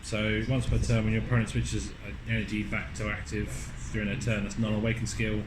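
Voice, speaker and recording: Man, flat intonation, medium pitch, matter-of-fact card commentary, noticeable background noise. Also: a little fast. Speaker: card game box opening co-presenter. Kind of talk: casual commentary, reading out card text. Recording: steady background hum and room noise.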